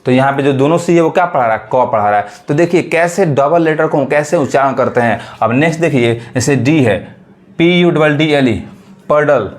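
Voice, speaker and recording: A man teaching English phonics to beginners in a Hindi accent, asking questions and repeating each word slowly. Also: fairly high pitch.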